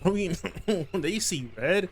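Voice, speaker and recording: A man's voice: sits high, lively intonation, slow, noisy background. A man giving let's play commentary on a game, reacting with startled exclamations and chuckles. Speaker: gamer.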